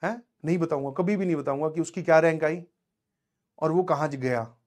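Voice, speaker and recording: Talking briskly in a slightly high voice, a young male teacher motivates his students conversationally, frequently making sure they're following along.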